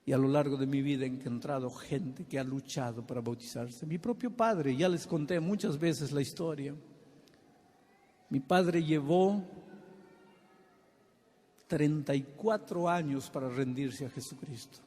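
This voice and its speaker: Male pastor, fervent preacher, slightly high voice, long reverb of a big church hall. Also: a little slow, dark tone, breathy edge. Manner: impassioned, acts out dialogues. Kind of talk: evangelistic sermon with altar call.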